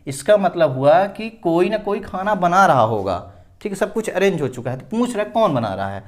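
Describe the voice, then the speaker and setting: A man with an Indian accent teaching English grammar in Hindi at a board, explaining slowly and repeating words, often checking with "okay?". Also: high-pitched, sing-song. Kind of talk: classroom grammar lesson at a board.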